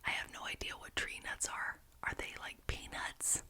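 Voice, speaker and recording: A woman whispering breathily in an ASMR ramble, enthusiastic and chatty, gently repeating phrases for emphasis. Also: moderate pace. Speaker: ASMR video creator.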